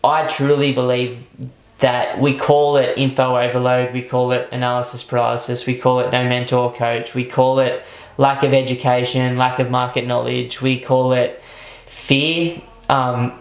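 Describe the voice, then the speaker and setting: A man talking bluntly on a podcast, swearing now and then as he makes his points. His voice stays flat and even in pitch. The recording has a roomy echo. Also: normal speed. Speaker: podcast host. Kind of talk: casual podcast chat.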